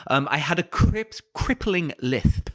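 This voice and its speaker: A man's voice: on the high side, expressive, unhurried. Guy on a podcast, joking about himself, lots of ums and tangents. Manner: self-mocking, comic, rambling with fillers. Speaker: podcast co-host. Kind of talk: casual improvised chat.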